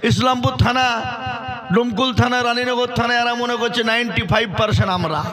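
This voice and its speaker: A man's voice: extremely high pitch, fairly even intonation, moderate pace, pushed and bright. A man preaching a sermon to a gathering, asking the crowd rhetorical questions and chanting lists in rising calls. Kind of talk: Islamic sermon. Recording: crowd noise audible. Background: crowd of listeners.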